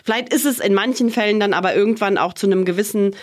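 A woman's voice: medium pitch, quick pace. A woman hosting a podcast, asking questions and affirming her guest with frequent short agreements. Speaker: podcast host. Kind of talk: conversational podcast interview.

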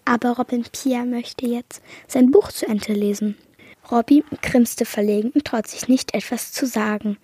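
A woman with a husky voice reading a children's book aloud. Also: on the high side, fairly even intonation, a little slow, mellow, no room sound. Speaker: reader.

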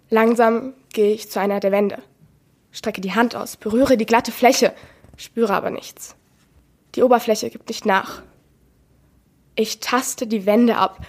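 A teenage girl reading a first-person novel excerpt aloud, measured with slow pauses. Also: fairly high pitch, husky. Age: teens. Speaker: student reader.

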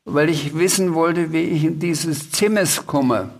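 A man voicing a small, earnest, fretful blue dragon who says S instead of R, in a slow, raised, plaintive way, for a children's storybook read live. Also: on the high side, creaky, voice pushed up, exaggerated voice. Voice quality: swaps S for R in every word.

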